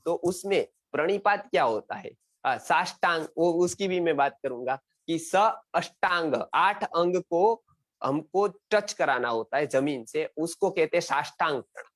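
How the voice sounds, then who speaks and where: A man's voice: fairly high pitch, lively intonation, unhurried, a bit bright. A middle-aged man from India teaching an online Sanskrit lesson, repeating words and checking that his students follow. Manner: quizzing students, repeats words, frequent "samajh gaye?". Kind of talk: explanatory online class lecture.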